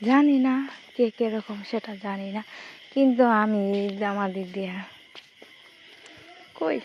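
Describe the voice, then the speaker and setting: On a noisy phone line with an insect-like hiss, a woman with a Bangladeshi accent chats casually and intimately in short, colloquial fragments. Her voice sits in the mid range and moves a little slowly.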